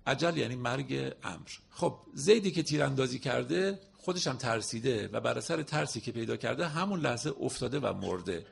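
A man giving a spoken lesson on classical poetry, explaining verses word by word and reciting lines slowly. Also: mid-range voice, expressive, creaky, slightly rough.

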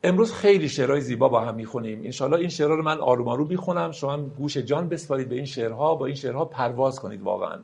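Gravelly man teaching poetry. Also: medium pitch, darkish tone. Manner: reads verses slowly and drawn out, explains in quick asides. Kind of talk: lecture with slow poetry recitation.

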